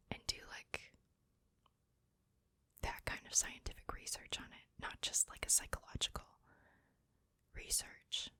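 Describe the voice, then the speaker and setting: A woman's voice: bright, forceful tone, no echo. A woman whispering breathily, very close to the ear, in a casual ASMR chat. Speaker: ASMR video maker. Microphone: very close to the mic, ear to ear.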